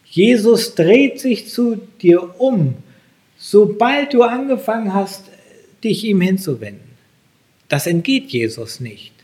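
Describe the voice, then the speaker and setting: A man preaching a sermon, slow and emphatic, his voice lifting sharply on the key phrases. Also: high-pitched, very animated, darkish tone.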